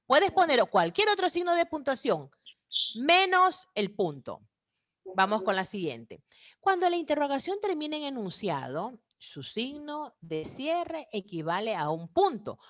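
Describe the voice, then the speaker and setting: Teacher, woman, high lively voice, patient step-by-step explainer, video call. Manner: explains step by step, asks rhetorical checks like "¿sí?". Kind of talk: online class over video call.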